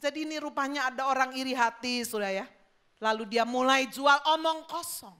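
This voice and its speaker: Bright high-voiced woman pastor preaching. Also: brisk, smooth. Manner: lively storytelling, acting out gossiping voices. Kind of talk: sermon. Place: church.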